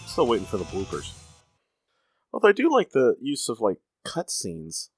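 A man's voice: mid-range voice, wildly swooping pitch, normal speed, soft background music. A man hosting casual commentary on an episode, with musing, dry asides. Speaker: podcast host.

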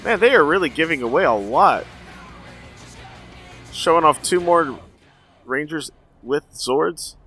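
Chatty, animated man reacting to TV episodes. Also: fairly high pitch, unhurried, long pauses, faint music behind. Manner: chatty, informal. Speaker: reaction host. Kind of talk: casual TV episode reaction commentary.

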